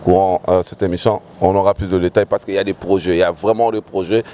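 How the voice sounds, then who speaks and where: Playful street host with a mellow voice. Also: male voice, sits low, fairly even intonation, fast talker. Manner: playful, addresses the audience. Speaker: show host. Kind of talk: street interview hosting. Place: outdoors on a city street.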